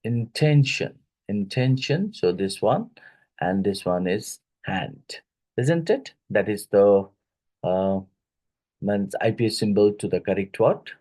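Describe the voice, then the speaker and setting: Working through exam-prep worksheets, a man with an Indian English accent explains phonetics step by step, frequently asking "right?" and "isn't it?". His voice sits on the low side, mellow and slow.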